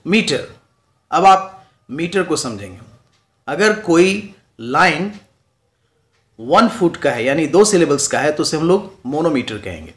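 A man's voice: fairly high pitch, very animated, measured pace, pauses often, a bit bright. Hindi-speaking male teacher explaining poetry. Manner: mixes English terms into explanations, checks in with "right?". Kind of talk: classroom lecture.

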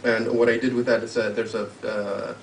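A man introducing his poem at a live reading, halting and searching for words as he explains it. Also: lowish voice, little pitch movement, gravelly. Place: live literary event hall. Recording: roomy, distant live mic with faint hum.

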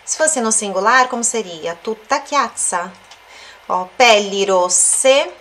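A woman's voice: medium pitch, animated, fairly bright tone. Woman teaching Italian through a song. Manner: explains slowly, repeats words and checks in with tag questions. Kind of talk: language lesson analyzing a song.

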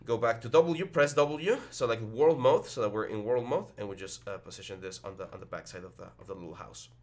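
A man's voice: fairly low pitch, a little fast. Chatty man teaching 3D modeling. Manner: chatty, thinks aloud with many fillers and restarts. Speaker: 3D modeling instructor. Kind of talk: screen-recorded software tutorial. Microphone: headset.

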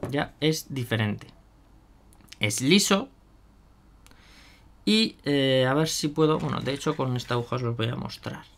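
A man's voice: medium pitch, lively intonation, unhurried, gravelly, pauses often, slight background noise. A man chatting casually through a hands-on product demo, thinking aloud with fillers and asides to viewers. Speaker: miniature painting youtuber.

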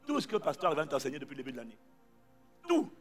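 A man preaching a sermon to a congregation, calling out to them and shouting his points for emphasis. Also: on the high side, huge pitch swings, very fast, soft background music.

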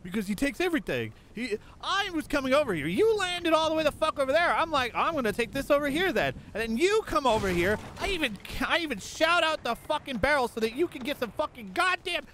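A man putting on a petty, grumbling male gaming buddy, ranting sarcastically with plenty of swearing over loud game sounds. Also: very high-pitched, very animated, quick pace, few pauses, a little hiss or hum, pitched above the performer's own voice, exaggerated voice. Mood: mock-angry. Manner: sarcastic mock rant, heavy swearing.

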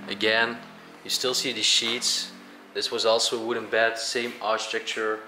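Young male co-host, bright and even-toned, easygoing, slangy walkthrough talk. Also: on the low side, moderate pace, slight background noise, poor audio. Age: young adult. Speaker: urban explorer, co-host. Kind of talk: casual exploration vlog commentary. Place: large abandoned mansion, indoors.

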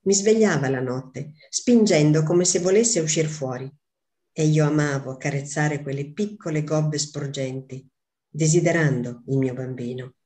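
A woman reading aloud as a young mother grieving her lost newborn, in a slow, measured literary reading. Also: deep voice, mellow. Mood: sorrowful.

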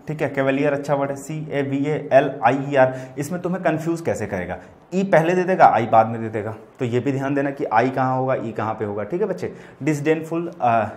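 In a mid-range, slightly mellow voice, an Indian-accented man teaches vocabulary in an online exam-prep lesson. He explains meanings patiently, addresses the students as children, and spells each word letter by letter.

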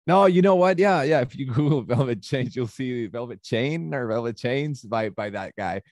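A man's voice: mid-range voice, moderate pace, no echo. Casual guest: young man from Chile, band frontman, loose and laughing, dry close mic. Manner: relaxed, laughs often, many fillers. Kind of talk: casual interview chat.

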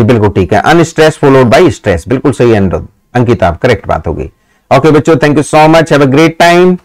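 A male teacher running a live online exam-prep class. He reads English questions out slowly, explains them in Hindi, and praises students by name. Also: a little high, low-quality recording.

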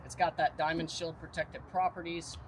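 Confident man pitching product features. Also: flat delivery, a little fast, slight background noise, rough recording. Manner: confident, detailed sales pitch. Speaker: manufacturer representative. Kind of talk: product explanation. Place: outdoors at a vehicle lot.

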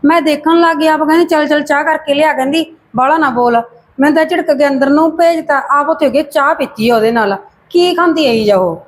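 A woman's voice: high-pitched, brisk, close to an everyday voice. A young woman acting an overworked, complaining village woman in a short drama, chatty and grumbling, with a Malwa Punjabi accent. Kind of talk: amateur short-film acting.

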